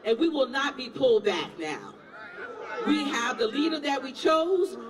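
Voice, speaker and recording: A very high-pitched man whips up a rally crowd with fiery call-and-response lines. His voice comes from a distance over a loud, cheering crowd. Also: very animated, measured pace. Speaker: assembly member. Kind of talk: rally speech. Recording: distant mic with a noisy crowd.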